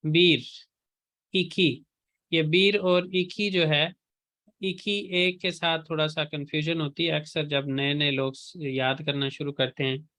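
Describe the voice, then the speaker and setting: A man teaching an online class, patiently drilling words and correcting pronunciation by repeating each one slowly. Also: a little high, sharp tone. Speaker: Turkish language teacher.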